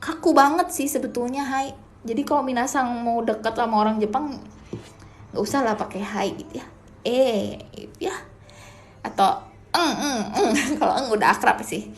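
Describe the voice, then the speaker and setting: Speaking at a moderate pace in a voice a little on the high side, a young woman gives a relaxed, chatty live-stream language lesson scattered with Japanese phrases. There's a bit of hiss or hum.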